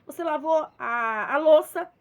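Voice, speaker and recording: A high-voiced woman with a Minas Gerais accent gives a relaxed devotional talk. She speaks in a chatty, storytelling way and slips into little acted exchanges as she goes. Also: measured pace. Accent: Minas Gerais Portuguese. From Minas Gerais, Brazil. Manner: conversational, storytelling with acted dialogue. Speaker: preacher.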